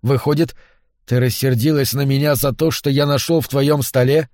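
A man's voice: medium pitch, steady tone, normal speed, a little mellow, no room sound, clean studio sound, natural voice. A man playing an anxious, middle-aged professor who earnestly pleads with his wife. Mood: pleading.

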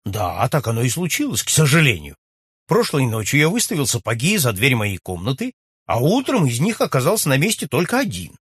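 Man voicing a young baronet, blunt, loud, husky, lively, storybook reading. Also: mid-range voice, brisk, no room sound, studio quality, voice pushed up, heavily acted. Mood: forthright. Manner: loud, forthright, exclaiming. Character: young hearty baronet back from abroad, blunt.

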